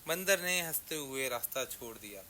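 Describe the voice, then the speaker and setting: A man narrating a children's story in a slow, measured way. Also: medium pitch, lively intonation, sharp tone, slight background noise.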